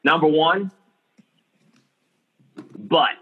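Husky-voiced man hosting a chat. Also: on the high side, expressive, drawn-out words, phone-quality sound. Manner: rambling, many restarts and fillers. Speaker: podcast host. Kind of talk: casual group discussion.

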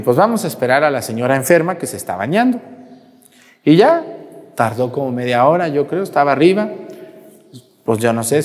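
Priest, teasing sermon, church echo. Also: male voice, medium pitch. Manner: chatty, teasing, acts out parishioners' voices. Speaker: parish priest. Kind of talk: sermon with storytelling. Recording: long church reverb.

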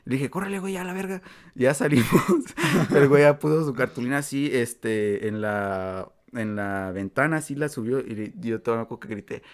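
A young man with a Mexican accent co-hosts a relaxed podcast, full of slang and easy laughter. His voice sits at a middle pitch, and his delivery stays loose and conversational. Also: normal speed. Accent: Mexican Spanish. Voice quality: slangy, laughs often, swears freely. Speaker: podcast co-host. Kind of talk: casual storytelling chat.

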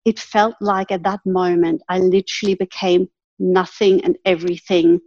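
A woman's voice: fairly low pitch, little pitch movement, normal speed, darkish tone, no room sound. A woman guest in an interview telling a personal story earnestly, often breaking into light laughs. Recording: husky voice, dull lo-fi sound.

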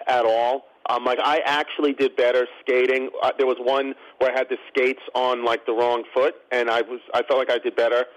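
A man's voice: mid-range voice, flat delivery, brisk, hardly any pauses, low-quality recording. A man from Brooklyn, a guest actor chatting casually with many hesitations. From Brooklyn, New York. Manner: hesitant, filler-heavy, laughing easily. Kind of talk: casual interview chat.

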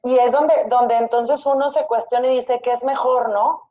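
A woman with a Mexican accent reflects thoughtfully in a relaxed group chat. Her voice is mellow and fairly high. The sound is dull and lo-fi. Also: normal speed. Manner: reflective, agreeing. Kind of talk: casual panel chat.

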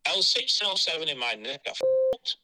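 A man's voice: fairly high pitch, big pitch swings, normal speed. A man speaking bluntly and frankly as an interviewee, heard over a phone line. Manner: blunt, frank and matter-of-fact.

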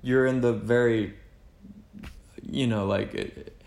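A man's voice: medium pitch, fairly even intonation, takes it slowly, creaky, a little mellow. A young man chatting casually as a podcast co-host, rambling and full of "like" and "you know", a native Spanish speaker. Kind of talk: casual chat. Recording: echoey room.

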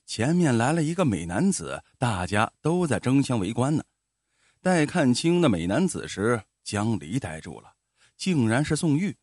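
A man narrating a folk tale in an expressive storytelling manner. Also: medium pitch, no echo, studio quality.

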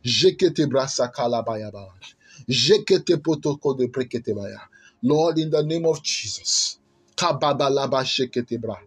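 A man's voice: mid-range voice, breathy edge. A man preaching as a commanding faith healer, praying and prophesying fervently with repeated phrases and bursts of speaking in tongues. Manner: forceful, commanding faith healer casting out spirits; repetitive, fervent incantatory phrasing. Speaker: preacher and prophetic minister leading prayer. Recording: music under the voice. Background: background music.

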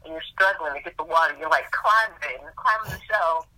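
A woman co-hosting a podcast in casual chat, animated and chatty, with frequent exclamations. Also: low voice, a little fast, dry recording, rough recording. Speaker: podcast co-host.

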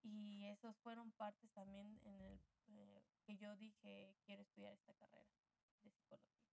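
A woman's voice: mid-range voice, completely flat delivery, moderate pace, gravelly, darkish tone, low-quality recording. A woman, a church member and interview guest, reflectively telling a personal story and often closing phrases with a questioning tag.

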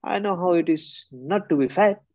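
A man's voice: high-pitched, moderate pace, darkish tone, no room sound. Blunt man telling a story, laughing. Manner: blunt, laughing, acts out both sides of an argument. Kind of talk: casual storytelling. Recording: dull lo-fi close recording.

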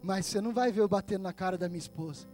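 A man pastor preaching a sermon with a Brazilian Portuguese accent, swinging between loud, emphatic passages and hushed asides. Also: high-pitched, racing, soft background music.

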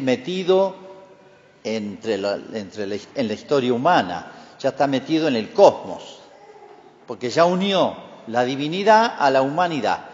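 Priest preaching in long cathedral echo. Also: male voice, on the high side, muffled recording. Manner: didactic, asks and answers his own questions. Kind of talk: Gospel reading and explanatory homily. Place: large reverberant church.

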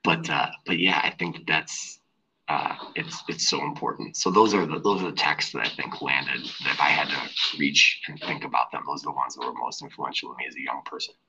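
Very deep-voiced man, husky and bright. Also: fairly even intonation, a little fast, poor audio. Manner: rambling, filler-heavy, laughs easily. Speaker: teacher, podcast guest. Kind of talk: casual chat. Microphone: headphones on an online call.

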